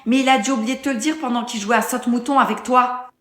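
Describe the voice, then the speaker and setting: A woman's voice: on the high side, a little fast, fairly bright tone, reverberant, natural voice. A woman's text-to-speech voice playing a fed-up, suspicious young partner and mother in a scripted story.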